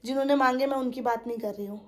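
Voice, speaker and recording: A woman's voice: high-pitched, steady tone, very fast. A young woman venting to her viewers in a casual monologue. She sounds indignant, repeats herself and speaks to them directly. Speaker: vlogger.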